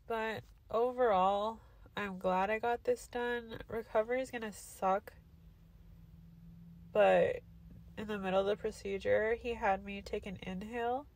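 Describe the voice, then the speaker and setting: Sitting in a parked car, a young woman vlogger holds her phone at arm's length for a casual recovery vlog. Her voice is medium-pitched, gravelly and a little mellow, and she sounds nasal and congested after sinus surgery, loopy and drowsy from medication.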